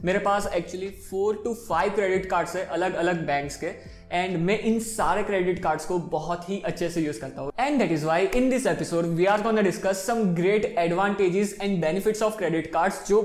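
A man's voice: high voice, slow, soft background music. Hindi-English chatty young man, echoey room. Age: 20s. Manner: mixes Hindi and English freely, chatty and direct. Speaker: personal finance YouTuber. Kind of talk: casual explainer talk to camera.

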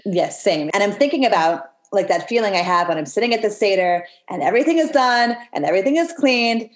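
A woman's voice: mid-range voice, animated, a little fast. A woman podcast host chatting casually and enthusiastically with a guest. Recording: roomy sound with faint music.

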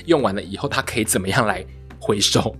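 A man co-hosting a casual chat podcast, an animated storyteller who acts out what his friends said. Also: lowish voice, fast talker, soft background music. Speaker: podcast co-host.

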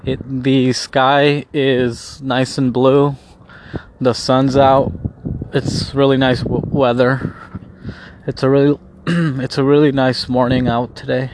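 A man who is high on weed, rambling casually in a spaced-out stoner manner, as in a video diary. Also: little pitch movement, noisy background. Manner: slow, spaced-out stoner drawl. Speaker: vlogger.

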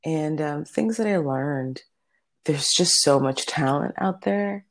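An opera soloist in her thirties and a native Spanish speaker chats informally as an interview guest, telling stories in a conversational way. Her voice sits low, and she takes her time speaking.

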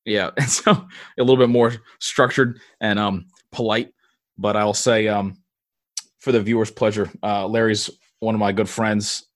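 A man's voice: lowish voice, fairly even intonation, unhurried. A young man hosting a podcast, chatting casually with a friend and laughing easily. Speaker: podcast host.

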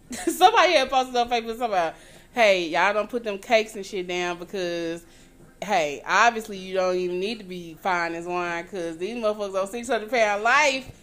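A woman's voice: medium pitch, normal speed, a bit bright. A woman co-hosting a casual chat, blunt and profane, laughing through her stories. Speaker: podcast co-host.

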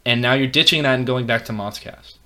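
A teenage boy hosts a casual podcast with a bright, ringing voice. He talks in a chatty, loose way and is quick to poke fun at himself. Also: medium pitch. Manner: chatty, self-deprecating, quick to laugh. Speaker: podcast host. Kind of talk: casual chat.

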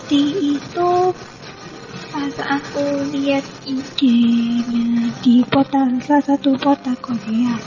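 A woman from Malang slowly recounting how she became a fan, in a halting way. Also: high voice, mellow, muffled recording. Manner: slow, halting.

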